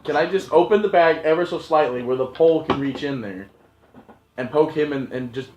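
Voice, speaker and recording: A man's voice: a little high, a little fast, dull audio, background noise. A man playing a tabletop game, firing off joking questions and talking over the others. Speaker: player. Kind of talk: casual tabletop game banter. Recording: echoey room.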